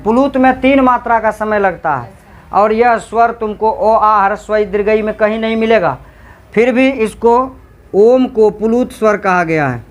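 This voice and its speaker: A man teaching a class, quizzing students with repeated questions and drawing out sounds slowly to demonstrate them. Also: high voice. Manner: slow, drawn-out sound demonstrations. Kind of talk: classroom grammar lecture.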